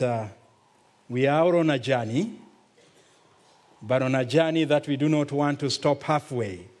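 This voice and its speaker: A Kenyan-accented man, a guest pastor, delivers a sermon at a slow, deliberate pace, stretching out words for emphasis. His voice is medium in pitch and slightly mellow.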